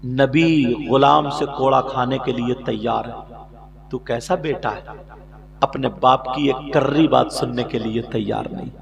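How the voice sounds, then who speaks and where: A man preaching an emotional sermon, telling a story tearfully with sudden shouted bursts. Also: medium pitch, unhurried, gravelly, big-room sound, lo-fi sound, noisy background. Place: religious gathering. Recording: live crowd audible behind.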